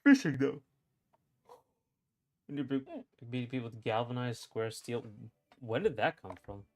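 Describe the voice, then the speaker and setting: A man's voice: mid-range voice, moderate pace, slight background noise. A man in his thirties, hiccuping through a casual livestream chat, reading chat aloud with wry, blunt remarks. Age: 30s.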